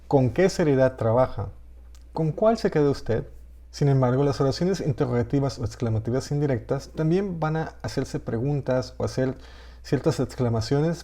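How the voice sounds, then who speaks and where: A man's voice: mid-range voice, dark tone. A man teaching a pre-recorded spelling and grammar lesson, reading example sentences aloud as he explains. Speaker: writing workshop instructor.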